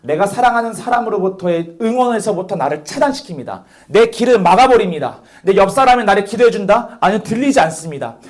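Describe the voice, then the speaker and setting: A man's voice: high voice, lively intonation, fast talker, few pauses. A young man preaching a sermon to a youth group as their pastor, asking rhetorical questions and calling on listeners by name.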